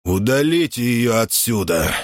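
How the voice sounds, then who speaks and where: A man's voice: mid-range voice, very animated, measured pace, no echo, clean studio sound. A man voicing a drunk, portly older bishop in an audiobook, coaxing and blustering. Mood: furious. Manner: coaxing and oily, then blustering. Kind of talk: audiobook character reading.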